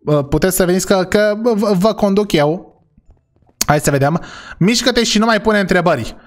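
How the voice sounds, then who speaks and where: A young man playing a role-play game and talking to his viewers, with sudden high shrieks of surprise. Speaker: gaming YouTuber. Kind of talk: role-play gameplay commentary.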